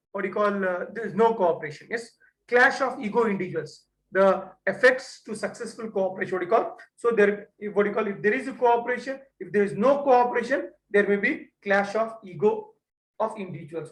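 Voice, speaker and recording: A man's voice: sits high, fairly bright tone, roomy sound, poor audio. A man lecturing a class, often restarting and repeating "what you call".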